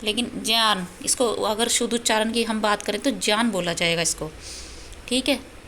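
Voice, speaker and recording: A woman's voice: mid-range voice, steady tone, normal speed, a bit bright, a little hiss or hum. A woman teaching a Sanskrit lesson, patiently explaining and spelling out syllables one by one. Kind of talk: self-study lesson.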